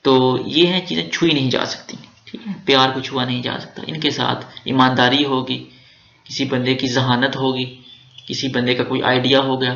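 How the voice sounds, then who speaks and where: Gravelly Pakistani man teaching grammar. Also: mid-range voice, pushed and bright. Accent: Pakistani Urdu with Punjabi touches. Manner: chatty, explains step by step, joking asides. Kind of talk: exam-prep grammar lecture. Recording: roomy, dull lo-fi recording.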